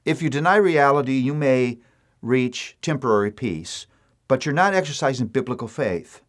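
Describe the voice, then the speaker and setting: A man giving a devotional sermon, earnest and emphatic, pausing deliberately, repeating key lines and reading scripture in a measured cadence. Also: mid-range voice, lively intonation. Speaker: pastor.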